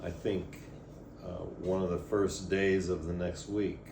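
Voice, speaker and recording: A man's voice: deep voice, flat delivery, measured pace, vocal fry. An older man reminiscing in a rambling, hesitant way, often trailing off as he tells his story in casual talk. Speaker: storyteller guest. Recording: echoey room, audible background noise.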